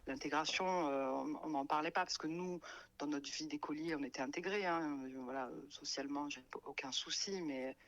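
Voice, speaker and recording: In a radio studio, a woman from France in her late thirties recounts her life with plenty of hesitations, filler words and repetitions. She speaks fairly quickly in a low, slightly bright voice.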